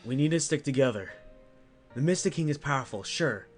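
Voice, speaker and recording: A man's voice: medium pitch, expressive, a little fast, lightly acted. Man playing an earnest, resolute team leader, faint music. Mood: earnest resolve. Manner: earnest, rallying. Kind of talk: amateur animated drama acting.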